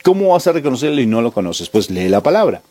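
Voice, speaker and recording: A man's voice: mid-range voice, big pitch swings, fast talker, dark tone. A man preaching a sermon, emphatic and full of repeated rhetorical questions.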